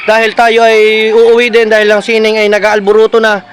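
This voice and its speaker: A man's voice: high-pitched, monotone, a little fast. A man hosting his own vlog outdoors by the sea, chatting casually and thanking his viewers often. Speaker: vlogger host. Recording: echoey with faint noise.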